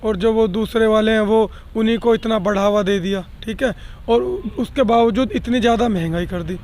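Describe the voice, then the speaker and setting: A man argues emphatically as a passer-by answering a reporter. His voice is strikingly high. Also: fairly even intonation, moderate pace, a little mellow, slight background noise. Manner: argumentative, emphatic. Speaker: interviewee.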